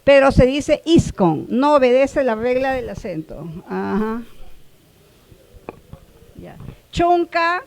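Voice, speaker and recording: Female workshop instructor, high voice, unhurried, patient check-ins. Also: rough recording. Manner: checks in often with the class, repeats words slowly. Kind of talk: classroom explanation.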